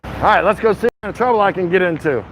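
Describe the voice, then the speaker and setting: Speaking fast in a high voice, a man livestreams himself walking around a city and stopping at a convenience store. He chats to viewers in a loose, folksy, slang-filled ramble. Behind him are traffic, street and vehicle noise, and other ambient sound.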